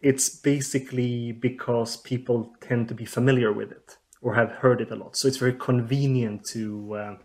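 A man's voice: mid-range voice, fairly even intonation, normal speed, few pauses, darkish tone. A researcher explains his work as a podcast guest. The man hesitates often and restarts his sentences with fillers. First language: Swedish. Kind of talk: podcast interview.

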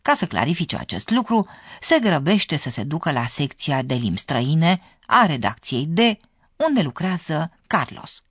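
A narrator giving scripted, measured explanations in a radio language course. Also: mid-range voice, very animated, husky, no echo.

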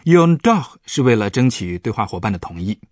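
Lively-voiced male professor explaining grammar. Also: mid-range voice, moderate pace, no echo. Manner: patient, explanatory. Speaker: professor explaining German on a radio lesson. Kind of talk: radio language lesson.

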